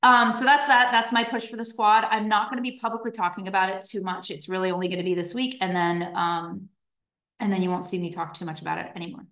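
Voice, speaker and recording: Quick-paced and a bit bright, this woman in her thirties has a mid-range voice with fairly even intonation. She's a strength coach chatting casually and cheerfully with her online group, sprinkling in fillers and plenty of "right?"s, heard through a roomy echo.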